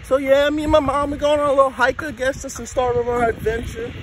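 A man's voice: very high voice, level tone, fast, a little hiss or hum. Upbeat young man vlogging on a trail. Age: young adult. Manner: slangy, upbeat, talks to camera. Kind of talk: casual vlog chat. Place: outdoors on mountain trails. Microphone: phone held at arm's length.

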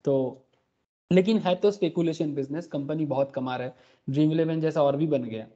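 A man's voice: a little high, moderate pace, mellow. A man teaching an online class, explaining with rhetorical questions and checking that students follow. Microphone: computer mic on a recorded video call. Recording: dull lo-fi meeting recording.

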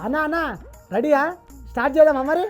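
A woman's voice: high-pitched, brisk, faint music behind. A woman with a Telangana accent hosting a comic mock interview, teasing and mock-deferential, often scolding her guest. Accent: Telangana Telugu. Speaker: host of a satirical interview show.

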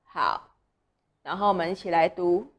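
Lady teacher, slow careful voice, spelling out syllables for little kids. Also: fairly low pitch. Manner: slow sounding-out of syllables to children. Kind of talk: children's reading lesson.

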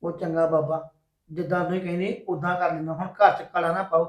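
A man playing a husband in a family drama who gives in and tries to calm his wife. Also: on the high side, fairly quick, natural voice. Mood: placating. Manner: placating, resigned. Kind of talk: acted family drama dialogue. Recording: roomy echo.

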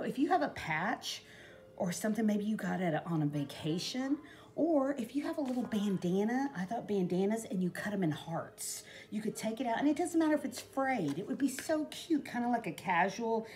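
At a home craft table, a middle-aged woman vlogs a casual crafting demo, rambling as she shows her project and saying "you know" again and again. She speaks at a medium pitch with a slightly mellow tone.

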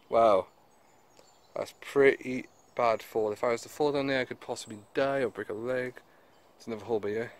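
A man's voice: medium pitch, dry recording. A man casually narrating a walking vlog while exploring woods and caves, exclaiming at what he finds. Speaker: vlogger. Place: woodland outdoors and inside a cave. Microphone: handheld camera mic.

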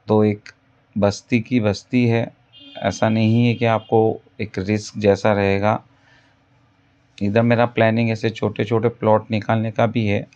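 A man selling farmland in a voice-over, repeating his selling points in a pitchy salesman's patter. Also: darkish tone, lo-fi sound. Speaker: land broker. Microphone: voice-over over drone footage.

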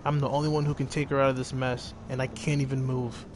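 Brief: a young male streamer, mid-pitch voice, excitable and profane game commentary. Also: quick pace, noisy background. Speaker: gaming channel host. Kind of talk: casual let's-play commentary.

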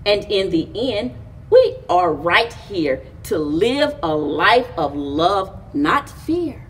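A library story time reader, an animated woman, goes slowly through a picture book for children, indoors before a chalkboard wall. Her mid-range voice delivers deliberate, expressive phrasing with pauses between short lines. The distant camera mic has a little hiss or hum.

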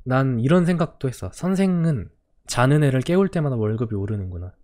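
A young man in his twenties, a streamer telling stories in a casual radio-style chat, acting out quotes, his voice gone hoarse. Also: medium pitch, lively intonation, a little fast. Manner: storytelling, acting out quotes with swings in loudness.

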